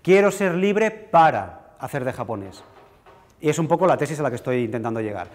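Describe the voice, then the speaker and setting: A man's voice: medium pitch, lively intonation, a little fast. A man giving a university lecture in a conversational, self-deprecating way, often checking in with the audience. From Spain. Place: lecture hall. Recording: reverberant lecture hall.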